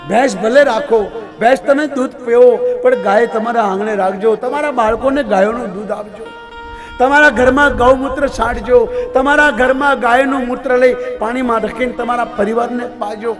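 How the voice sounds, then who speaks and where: Man, temple preacher, fatherly exhorting sermon, high-pitched, live gathering on open ground. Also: fairly even intonation, normal speed. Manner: fatherly, exhorting, calls listeners "my dear father". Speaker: temple mahant, scripture-story preacher. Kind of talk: live devotional scripture-story sermon. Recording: devotional music playing under the voice.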